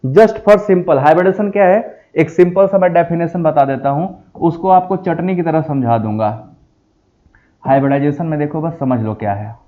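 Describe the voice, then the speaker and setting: A man teaching a chemistry lecture, explaining slowly and asking the students questions again and again. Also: fairly high pitch, lo-fi sound. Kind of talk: classroom lecture.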